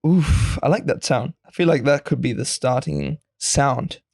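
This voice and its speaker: A man's voice: medium pitch, a little slow, creaky, a little mellow, no room sound, studio quality. A man hosting a podcast, chatting playfully and laughing often. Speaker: podcast host. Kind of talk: casual chat.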